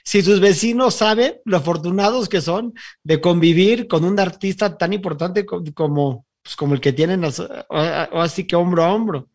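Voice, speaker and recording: Mexican podcast host guy, kinda high voice, long wandering questions. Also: normal speed. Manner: rambling, searching questions. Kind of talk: interview questions.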